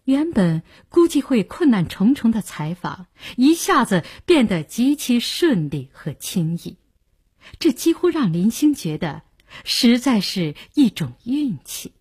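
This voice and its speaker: A female audiobook narrator with a breathy, slightly high voice. She tells the story expressively, her pitch moving lively throughout. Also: unhurried. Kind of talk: scripted narration.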